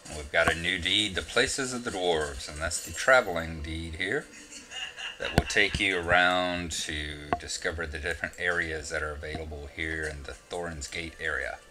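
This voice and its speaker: A man with a Southern US accent narrates a game walkthrough in a low-pitched voice at a moderate pace. His commentary is casual and rambling, broken up by self-mocking asides.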